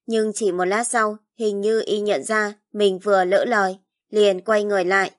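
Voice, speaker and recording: A woman narrating a literary story in an even, measured storytelling voice. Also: mid-range voice. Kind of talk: audiobook narration.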